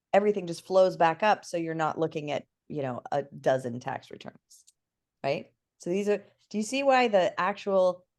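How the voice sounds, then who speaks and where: A woman talking casually as a guest expert, explaining things in a chatty way and often checking in with "right?". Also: on the low side. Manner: lively, chatty, lots of "right?" and fillers. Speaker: guest expert on NFT projects.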